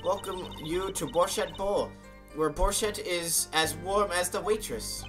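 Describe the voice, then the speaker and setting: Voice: mid-range voice, takes it slowly, music in the background, lightly acted. A streamer voicing a brusque young Russian waitress in a put-on Russian accent with broken grammar, in a game let's play. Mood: curt. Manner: broken grammar, curt statements.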